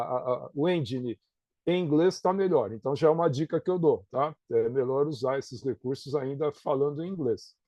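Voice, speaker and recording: Speaking in a slightly high voice with a dark tone and no echo, a middle-aged man with a Brazilian Portuguese accent talks as a professor in an interview. His manner is conversational, and he keeps checking in with "né?" and "tá?" as he explains.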